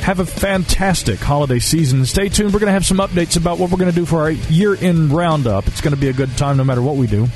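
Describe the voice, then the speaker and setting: A man's voice: a little high, fast talker, hardly any pauses, darkish tone, soft background music. A man with a Southern American accent hosting a podcast, reading listener stories aloud with wry asides. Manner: wry, conversational, reads quotes then comments. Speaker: podcast host.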